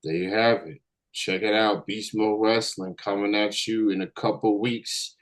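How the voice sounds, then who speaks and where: Man, interview host, low voice, relaxed chatty talk, lots of "man". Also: a little slow, poor audio. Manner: laid-back, chatty, repeats words, says "man" a lot. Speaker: show host. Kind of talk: casual interview chat.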